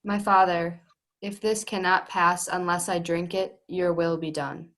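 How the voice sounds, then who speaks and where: Woman playing a solemn male teacher, lowish voice, earnest, measured, resolute, scripture drama. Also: flat delivery, a bit bright. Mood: sorrowful, earnest. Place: remote recording on a video call. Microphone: video call.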